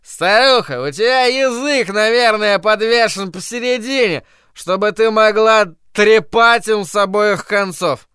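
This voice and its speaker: A drunken man jeers and mocks at the top of his voice, pitched high and slurring his words, as a storybook narrator puts him on. The sound is clear and dry, with faint music behind. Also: measured pace, hardly any pauses, no echo. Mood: jeering. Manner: slurred, loud mockery. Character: drunk jeering man heckling loudly.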